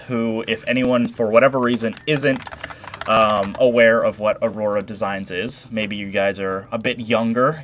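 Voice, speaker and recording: Speaking into a desk microphone at an ordinary middle pitch, a nasal-voiced young man runs a casual modding livestream. He rambles, backtracks, and responds to chat as he goes.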